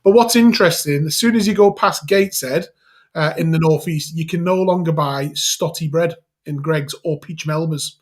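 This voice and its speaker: A man's voice: fairly high pitch, moderate pace. A man from North East England with a Geordie accent, talking casually as a property developer on a show. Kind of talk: casual chat.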